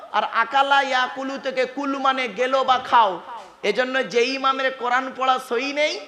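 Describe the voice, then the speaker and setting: This is a male preacher from West Bengal delivering a sermon to a gathered crowd. His voice sits very high and sounds sharp and bright. He keeps pulling the listeners in with questions and calls for a response, and he mixes English words into the talk. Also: echoey room. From West Bengal, India. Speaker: Islamic preacher.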